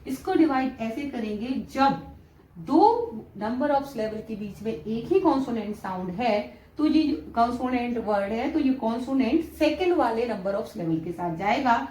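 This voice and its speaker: A woman's voice: on the high side, darkish tone. A young woman teaching with an Indian accent, explaining step by step and checking with frequent questions. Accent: Indian English. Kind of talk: classroom-style English lesson. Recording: echoey room, faint background noise.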